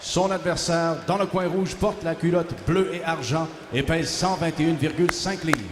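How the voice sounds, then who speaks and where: A man's voice: a little high, fairly even intonation, moderate pace. A man working as a boxing ring announcer, formally introducing fighters in French and English and stretching out names. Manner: bilingual, switching between French and English. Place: large indoor boxing arena, over the PA. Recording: echoey arena sound with faint noise.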